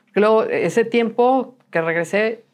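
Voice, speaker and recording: Animated woman telling stories. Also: fairly high pitch, measured pace. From Mexico. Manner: animated storyteller who acts out quoted dialogue. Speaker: guest. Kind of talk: casual interview chat.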